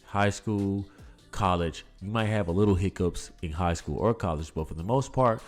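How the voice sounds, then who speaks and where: A man's voice: low-pitched, normal speed, faint music behind. A man hosting a sports podcast, talking through the news loosely with lots of fillers and rhetorical questions. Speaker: podcast host. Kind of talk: casual sports commentary. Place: home setup, voice-over on photos.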